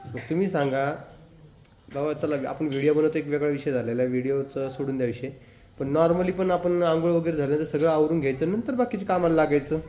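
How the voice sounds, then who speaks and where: A man's voice: fairly high pitch, quick pace, warm tone. A young man with a Marathi accent chatting casually to camera in a family vlog, sometimes scolding his family. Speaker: family vlogger.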